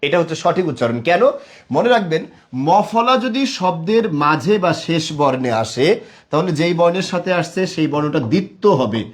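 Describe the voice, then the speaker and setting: A man's voice: on the high side, expressive, normal speed. A young man teaching a live online class, quizzing viewers and praising them again and again. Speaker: online tutor.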